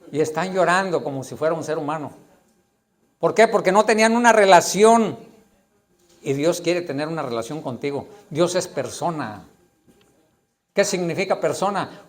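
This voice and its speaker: A man preaching a sermon with a notably high-pitched voice. He delivers it emphatically as a pastor, repeating his points and putting questions directly to the congregation.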